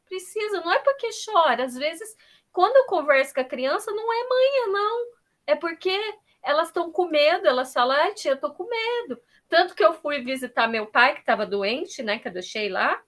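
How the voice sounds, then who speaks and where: A woman's voice: high voice, sing-song, moderate pace, a bit bright. A woman on a video call sharing a personal story with a church group, emotional and full of quoted dialogue. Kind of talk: personal sharing in an online prayer meeting.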